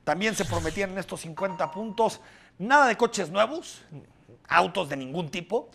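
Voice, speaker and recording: A man delivering scripted news commentary, explaining and listing points briskly. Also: high-pitched, lively intonation, gravelly, a bit bright.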